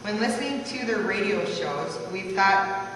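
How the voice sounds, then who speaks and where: At a family party, a woman reads a rhyming verse tribute about someone's life in a sing-song way, her medium-pitched voice lively in intonation and measured in pace. The large room is echoey, and she's captured from far off with background noise.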